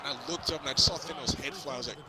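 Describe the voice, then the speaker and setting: With a crowd audible in the background, a young co-host of a movie review chat talks rapid-fire about a film, spoilers and all. His slightly high voice stumbles and wanders through slang-heavy anecdotes.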